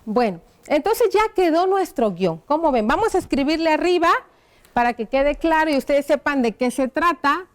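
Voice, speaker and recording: A woman teaching a primary school lesson on television, dictating slowly as she writes on a board and checking in with the children through frequent tag questions. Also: sits high, lively intonation. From Mexico. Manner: slow, careful dictation while writing on a board.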